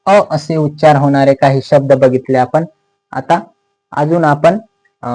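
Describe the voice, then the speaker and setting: A man with a Marathi accent teaching English pronunciation in a slow explanatory lesson, repeating each word and its meaning patiently. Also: on the high side, dark tone, poor audio.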